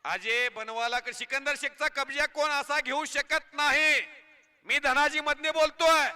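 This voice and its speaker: A man from Maharashtra announcing a wrestling match live over a loudspeaker, calling moves, prize money and scolding the crowd in an excited, shouting manner. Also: very high-pitched. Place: outdoor wrestling ground.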